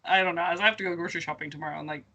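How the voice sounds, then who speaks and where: Bright, chatty woman podcast co-host. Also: on the low side, racing, gravelly, highs cut off. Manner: animated storytelling with frequent fillers and laughter. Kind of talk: casual chat.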